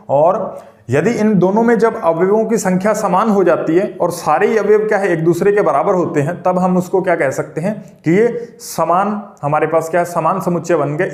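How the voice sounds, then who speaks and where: A man's voice: fairly high pitch, darkish tone, echoey room. A man teaching a maths lesson for a teaching exam, explaining step by step and repeating himself. He asks the class questions and then answers them himself. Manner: repetitive and explanatory.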